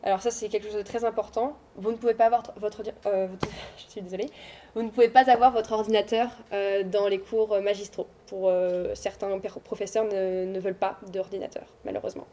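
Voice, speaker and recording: A young adult woman, a student, giving an informal, reassuring talk to high schoolers in a school room, hesitating often with fillers. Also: level tone, a little fast, warm tone, slight background noise. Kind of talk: informal presentation.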